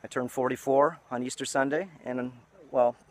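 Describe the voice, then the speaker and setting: A man's voice: medium pitch, steady tone, normal speed. A man in his fifties giving an outdoor lecture on a farm, often adding "okay?" after his points. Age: 50s.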